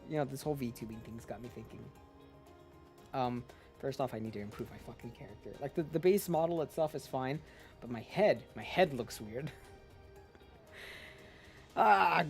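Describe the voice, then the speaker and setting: A man streaming a video game, chatting casually in a rambling way and swearing often. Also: a little high.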